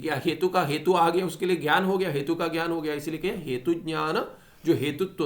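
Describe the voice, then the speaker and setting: A man teaching a Sanskrit philosophy text, animated and full of rhetorical questions, reading the Sanskrit lines slowly. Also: fairly high pitch. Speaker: teacher of scripture.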